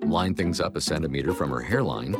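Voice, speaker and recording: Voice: a bass voice, fast, over loud music. An announcer reading scripted mock quiz narration for a public service ad.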